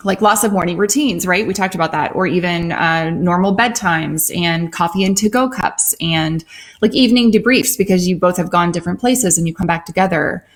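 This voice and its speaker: A woman in her forties co-hosting a casual live-stream chat with her husband, chatty and quick to laugh. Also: lowish voice. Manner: chatty, laughs easily, talks through ideas. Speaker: co-host.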